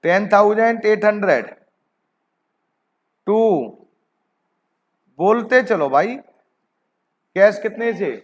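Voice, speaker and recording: A commerce teacher with a high-pitched, expressive voice runs an online accounting class, coaxing his students with repeated questions and addressing them as "beta ji." He reads the figures aloud slowly.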